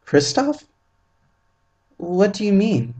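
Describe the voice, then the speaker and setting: A man voicing a calm, polite young woman student who gives soft, brief replies in a read-aloud story. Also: high-pitched, takes it slowly, pitched above the performer's own voice, exaggerated voice. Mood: reserved.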